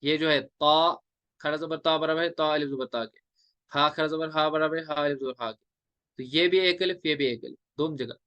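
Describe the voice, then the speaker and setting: A male teacher explaining recitation rules step by step, drawing out letters in slow chanted examples. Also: a little high, steady tone, bright, forceful tone, clear, resonant tone, no room sound. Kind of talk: classroom lecture on recitation rules.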